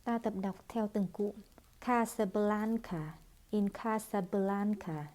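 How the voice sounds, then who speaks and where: Slow, mellow-voiced woman teaching pronunciation. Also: mid-range voice. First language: Vietnamese. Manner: slow, deliberate modelling of English phrases. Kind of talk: pronunciation drill lesson.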